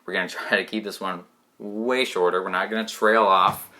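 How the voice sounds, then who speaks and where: A man's voice: sits low, steady tone, moderate pace, pushed and bright. A man co-hosting a casual chat show, joking and rambling as he teases his co-host.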